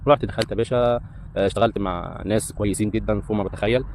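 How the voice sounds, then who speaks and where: Fast-talking Egyptian man, rambling. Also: lowish voice, fairly even intonation, darkish tone, slight background noise. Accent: Egyptian Arabic. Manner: rambling, with many hesitant fillers. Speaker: breakdancer and hotel entertainer. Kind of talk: casual life-story monologue.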